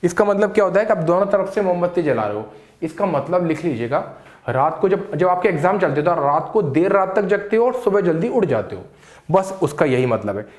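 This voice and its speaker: A man teaching idioms in a casual lesson, explaining in Hindi and reading examples slowly. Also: sits high, a little mellow. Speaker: English teacher. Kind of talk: casual spoken English lesson. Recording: echoey room.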